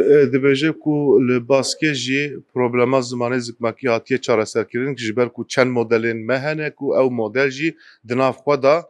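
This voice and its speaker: A man's voice: mid-range voice, no echo. A man who natively speaks Kurdish, interviewing and interpreting in a hesitant way, searching for his words.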